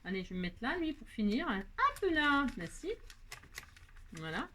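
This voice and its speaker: A woman's voice: a little high, very animated, a little slow, sharp tone, slight background noise. A middle-aged woman chatting casually through a crafting tutorial, talking to herself and her viewers as she works. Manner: chatty, talks to herself and viewers, many fillers.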